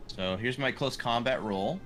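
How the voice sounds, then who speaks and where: A man with an unhurried, medium-pitched voice chats casually as a player in a tabletop roleplaying game, with music playing behind him.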